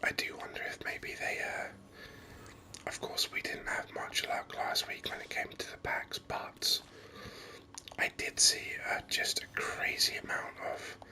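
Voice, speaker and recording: The voice belongs to someone presenting a game in slow, gentle ASMR whispers, mic held close, thinking out loud as the play unfolds.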